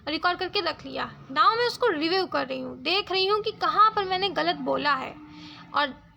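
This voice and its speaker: A woman's voice: very high voice, animated, normal speed, vocal fry, pushed and bright, slight background noise. A woman tutor giving an exam lecture in Hindi mixed with English, explaining step by step and checking in with her students.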